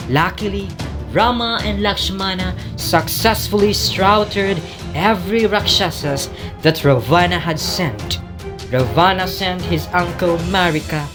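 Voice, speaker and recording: A narrator telling an epic tale in slow, measured scripted narration. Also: mid-range voice.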